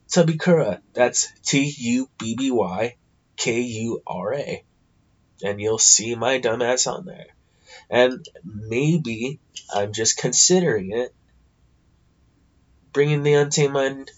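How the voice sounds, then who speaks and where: Male podcast host, American, stuffed-up nose, slow casual delivery, blunt and sweary, slightly dull lo-fi sound. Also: medium pitch. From California, United States. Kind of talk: casual rambling solo podcast talk.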